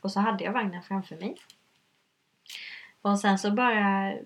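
A woman telling a personal story in conversation, hesitant and earnest, with many fillers. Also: medium pitch. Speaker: guest.

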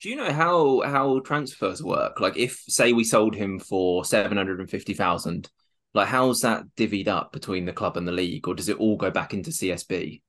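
A man's voice: deep voice, moderate pace, a bit bright. A man co-hosting a podcast, talking casually with joking asides and free swearing. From the UK and Ireland. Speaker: podcast co-host. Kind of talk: casual chat.

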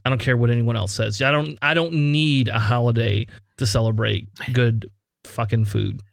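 A man's voice: mid-range voice, fairly even intonation, moderate pace, gravelly, no room sound. A man hosting a tabletop game podcast in casual chat, joking and swearing now and then, his speech slightly slurred from a numbed sore throat. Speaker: podcast host.

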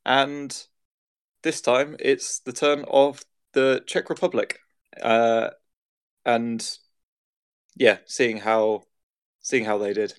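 A man's voice: mid-range voice, little pitch movement, slow pace, pauses often, clean tone. A man hosting a podcast, introducing the episode in a loose, rambling way with uhs and restarts. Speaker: podcast host. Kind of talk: casual chat.

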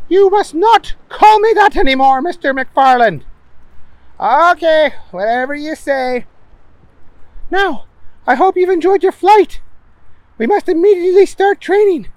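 A man voicing a stern, formal woman scientist who gives brisk orders. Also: very high voice, no room sound, pitched above the performer's own voice, low-quality recording. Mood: insistent.

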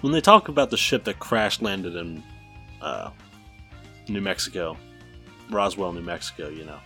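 A man's voice: sits low, expressive, normal speed, bright, forceful tone, faint music behind. A man co-hosting a casual podcast, making dry, mock-serious jokes. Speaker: podcast co-host.

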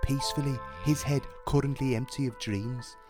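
A storyteller narrates a scripted fantasy tale for children. The voice sits at a medium pitch, with music clearly underneath. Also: steady tone, normal speed.

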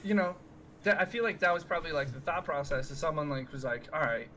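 Bright, slangy young American frat-bro guy. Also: a little high, fast talker, slight background noise. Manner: frat-bro slangy, swearing, peppered with "dude" and "bro". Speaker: podcast co-host. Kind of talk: casual banter.

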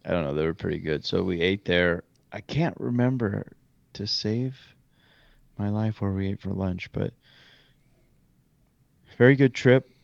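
A man with a very low, gravelly voice rambles casually through a trip story on a podcast, often stopping to correct himself. The sound is dry and a bit dull, like a lo-fi home mic. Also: unhurried, pauses often, dry recording. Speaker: podcast co-host. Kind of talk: casual chat.

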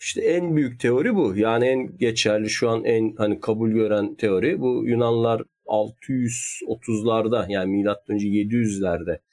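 Man, lowish voice, casual explainer; thoughtful, hedges a lot. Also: normal speed, hardly any pauses, a little mellow. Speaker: history conversation partner. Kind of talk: casual chat.

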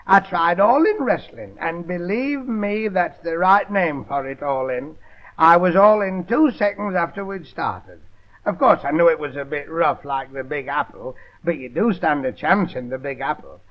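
A comedian telling a rambling, mock-polite comic monologue. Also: male voice, high voice. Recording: dull lo-fi 1930s record.

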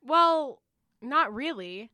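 A young woman with a bright, crisp voice, chatting on a podcast. She tells her stories with animation and acts out every line of dialogue. The sound is dry and close to the mic. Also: high voice, expressive, drawn-out words, dry recording. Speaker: podcast co-host. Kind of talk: casual chat.

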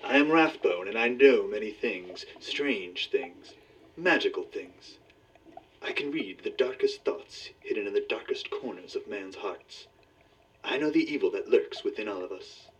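A man's voice: fairly low pitch, expressive, unhurried, slightly rough, far from the mic, poor audio. A man playing a theatrical magician detective in an old radio serial, with grand dramatic delivery. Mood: grandiose. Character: heroic male stage magician detective, theatrical. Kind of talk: 1940s radio acting.

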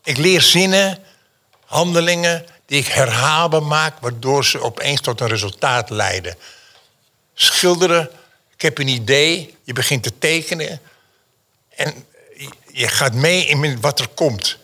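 A man's voice: a little high, expressive, measured pace, bright, forceful tone. A man, a painter, telling stories as an interview guest, theatrical and emphatic, repeating phrases for effect. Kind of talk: animated storytelling in an interview.

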